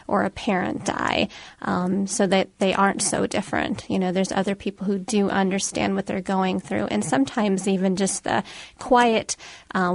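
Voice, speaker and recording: Woman guest on radio explaining stuff plainly, lots of ums, creaky voice, pretty even pitch. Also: dry recording. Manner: plain-spoken explaining, filler-heavy. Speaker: hospice program worker, interview guest. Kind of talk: explanatory radio interview answers.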